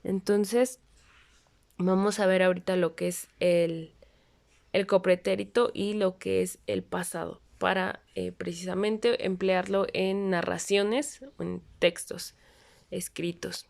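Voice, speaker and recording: A woman teaching a grammar lesson, explaining patiently and pausing with fillers. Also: medium pitch, steady tone, creaky, a little mellow.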